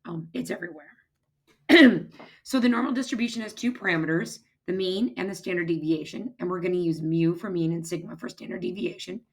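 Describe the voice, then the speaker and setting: Hoarse, husky woman teaching. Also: fairly low pitch, fast talker, few pauses. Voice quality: husky, raspy, strained voice. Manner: informal, step-by-step explaining. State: hoarse, losing her voice, throat-clearing. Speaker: math teacher. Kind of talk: recorded lecture, informal explaining.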